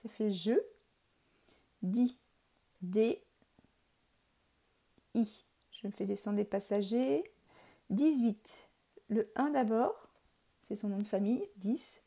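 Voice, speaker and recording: A woman's voice: medium pitch, takes it slowly, gravelly, pauses often, dark tone. A French woman teacher giving a recorded lesson to young pupils, patiently spelling out letters and syllables one by one. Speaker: primary school teacher.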